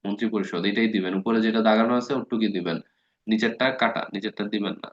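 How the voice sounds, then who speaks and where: A man's voice: on the low side, steady tone, fast talker. Man teaching grammar in a dull recording. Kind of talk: casual spoken lesson.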